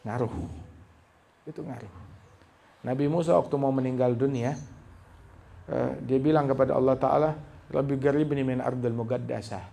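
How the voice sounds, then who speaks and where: A man preaching a sermon at a religious gathering, emphatic and rhetorical, with sudden sharp stresses. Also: mid-range voice, fairly even intonation, normal speed, vocal fry, long pauses.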